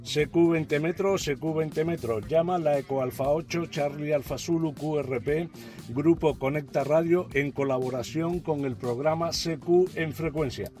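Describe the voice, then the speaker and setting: A man with a moderately high voice runs amateur radio contacts. He is courteous and formulaic, spelling call signs in phonetic words, with music clearly behind him. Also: normal speed. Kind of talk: ham radio calls with phonetic call signs and signal reports.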